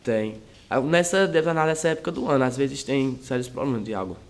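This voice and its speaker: A teenage male high school student, giving rambling, hesitant interview answers. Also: a little fast. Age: teens.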